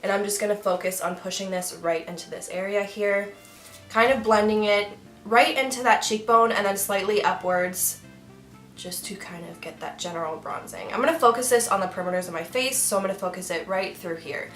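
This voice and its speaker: Young female beauty vlogger, mid-pitched, bubbly and self-deprecating, in an echoey room. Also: a little fast, a bit bright, faint music behind. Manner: chatty, giggly, self-mocking asides. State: hiccups. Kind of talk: makeup tutorial talk.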